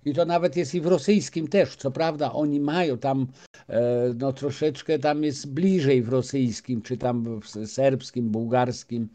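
A man gives a lecture-style talk as a guest, addressing his listeners directly. He speaks haltingly, stumbling and restarting often between filler sounds. His voice is dark and mellow, at an ordinary male pitch. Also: fairly even intonation.

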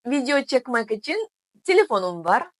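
A woman with a foreign accent speaking simple, halting learner's Turkish with small grammar slips, in a casual video diary. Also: high-pitched, sing-song, no echo, clean studio sound. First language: not Turkish. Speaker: vlogger.

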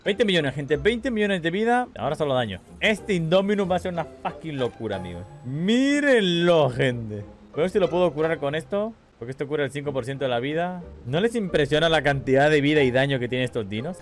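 A young man, commentating a multiplayer survival game for his viewers and getting excited at every big moment. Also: on the high side, quick pace, faint music behind. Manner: excitable, shouts at the action, addresses viewers as "gente". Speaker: gaming streamer. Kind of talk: excited let's-play commentary.

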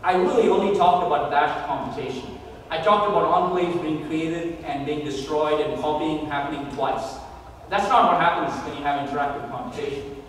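A man delivers a technical keynote in a large hall, his fairly high voice carrying with heavy, lingering reverb. He speaks in a measured way, often filling pauses with "uh" as he thinks. The sound is picked up from a distance, with a faint room hum underneath. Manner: measured, many "uh" fillers while thinking. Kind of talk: conference keynote lecture. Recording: echoey hall recorded from far off.

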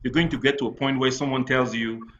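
A Cameroonian entrepreneur tells frank stories on a webinar panel, repeating phrases for emphasis. His medium-pitched voice is steady, fast and a bit bright, heard through dull lo-fi video call audio.

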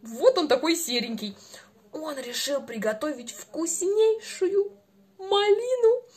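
A woman in her twenties over-enunciating in an animated, sing-song, encouraging way as she leads a playful speech lesson for a small child. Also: sits high, slow. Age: 20s.

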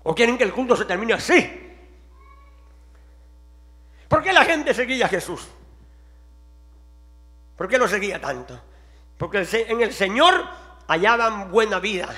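A man preaching a sermon to his congregation, swinging between quiet questions to the audience and shouted exhortations. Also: high voice, lively intonation, measured pace, long pauses.

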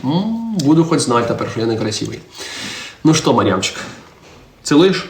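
A man's voice: mid-range voice, lively intonation, brisk, gravelly. A man in his twenties, a priest chatting on a live stream in a church, answering viewer comments and teasing his little daughter. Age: 20s. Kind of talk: casual live-stream chat. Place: church interior. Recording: roomy echo, faint background noise.

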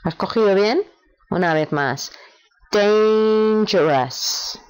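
Woman teaching english to parents, lower voice, lively pitch, very slow careful drills. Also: faint music behind, rough recording. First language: Spanish. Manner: slow, exaggerated English modeling between quick instructions. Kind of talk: bilingual language lesson.

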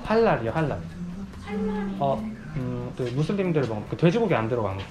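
A man vlogger speaking through a face mask, chatting casually in mixed Korean and halting English while asking around at restaurants. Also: medium pitch, big pitch swings. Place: street and small restaurants. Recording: music playing behind.

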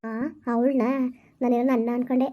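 A woman's voice: a little high, level tone, brisk, lo-fi sound, natural voice. A woman playing a young woman who is eager to marry a grieving man, coaxing and impatient. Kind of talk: village skit acting.

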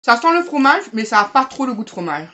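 A woman talking while chewing, in a relaxed, casual tasting chat where she hands out scores out of ten. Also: on the high side, fast. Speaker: food tasting vlogger.

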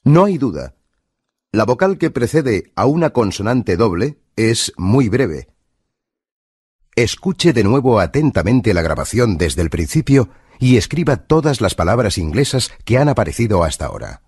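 Course narrator, man, Spain Spanish accent, measured teaching read, slightly husky, close and dry. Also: lowish voice, big pitch swings, a little mellow, no echo. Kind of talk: scripted instructional narration.

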